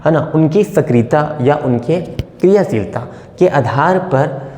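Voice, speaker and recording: A male chemistry teacher gives a whiteboard lecture, slowly repeating key terms as he writes and checking in with his students. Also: on the high side, expressive, a little mellow, slight background noise. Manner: checks in with "ठीक है". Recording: echoey room with long reverb.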